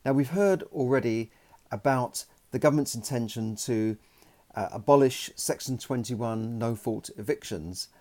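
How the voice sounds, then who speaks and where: A man's voice: medium pitch, unhurried, darkish tone. A man hosting his own podcast, a landlord giving rambling, indignant commentary full of restarts and fillers. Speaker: podcast host.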